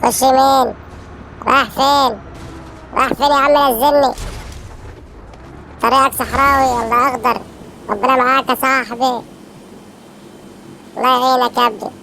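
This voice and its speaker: A woman with an Egyptian accent giving excited live gameplay commentary, urging her teammates on with frequent shouted calls. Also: high-pitched, moderate pace, vocal fry, long pauses, a little hiss or hum. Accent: Egyptian Arabic. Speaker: gamer streamer.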